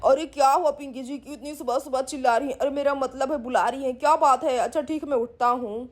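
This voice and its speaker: A woman's voice: sits high, fairly even intonation, fast talker, voice pushed down, natural voice. A woman voicing a grumpy, bossy village uncle in a doll story, grumbling and scolding. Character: gruff grumpy middle-aged village uncle.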